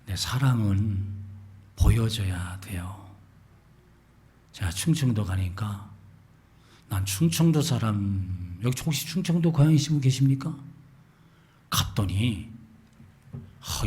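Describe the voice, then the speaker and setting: A man from Gangwon Province preaching a Sunday sermon as pastor, animated, mimicking dialect phrases and sometimes dropping to a whisper. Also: on the low side, a little slow, pauses often. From Gangwon Province, Korea. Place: church sanctuary.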